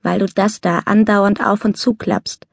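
A woman reading the part of a calm, gentle and self-assured teenage boy in an audiobook. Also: mid-range voice, a little slow, vocal fry, dry recording, clean studio sound. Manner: gentle, reassuring.

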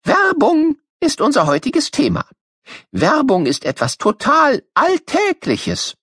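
A man's voice: very high voice, huge pitch swings, slow, fairly bright tone, no echo, studio quality, heavily acted. A man voicing a cheeky know-it-all boy who explains things to children in a storybook audiobook, in a playful, teasing way.

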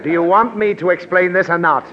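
An actor in 1940s radio comedy voices an exasperated middle-aged father, blustering, lecturing his child, and quick to get flustered. He speaks in a high, natural voice at a fairly quick pace. A faint hiss runs under the dull sound of the old broadcast.

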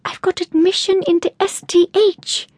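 A woman voicing a bold, mischievous teenage schoolgirl who exclaims brightly. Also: medium pitch, lively intonation, moderate pace, husky, dry recording, pitched above the performer's own voice. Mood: excited.

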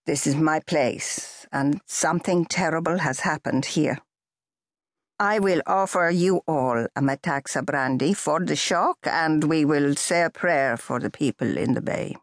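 A woman narrator doing an older village man in this audiobook, speaking gravely and slowly. The voice drops deep and sounds slightly breathy, heard dry and close. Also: dry recording. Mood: solemn. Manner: slow, grave, measured.

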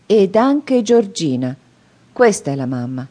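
A woman's voice: mid-range voice, big pitch swings, unhurried, mellow, voice pushed up. A woman reading an audiobook, voicing a frightened little boy who answers timidly and politely.

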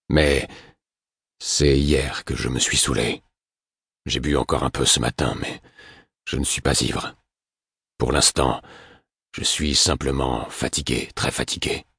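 A hoarse, grieving older man , as a male narrator puts him on murmurs slowly in a very deep, husky voice. The audiobook recording is dry and close. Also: steady tone, a bit bright, dry recording, heavily acted. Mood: weary, grieving. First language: French. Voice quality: hoarse, heavy-hearted. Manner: slow, low, murmured. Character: weary grieving older man, gruff stable master.

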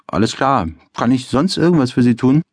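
Male reader plays a brisk, loud policeman, voice raised in pitch, matter-of-fact, audiobook scene. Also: dry recording, natural voice.

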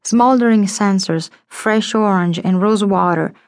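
A woman's voice: mid-range voice, a little mellow, no room sound, clean studio sound. Woman narrating an intimate first-person audiobook. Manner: measured, intimate storytelling addressed to her child.

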